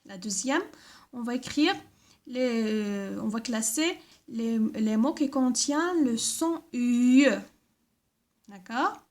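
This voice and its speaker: A woman's voice: fairly high pitch, a little mellow. A woman teaching a primary school class, reading instructions and spelling out letters and sounds, often checking with "d'accord?". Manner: slow, careful, repeats words and letters, frequent "d'accord?".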